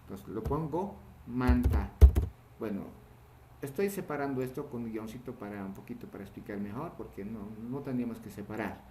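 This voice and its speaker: Male teacher, patient lecture, repetitive check-ins, mid pitch, echoey room, faint background noise. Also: animated, normal speed, warm tone. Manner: patient, repeats words and asks "¿no?", "¿ya?". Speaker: language teacher. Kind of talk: online class lecture.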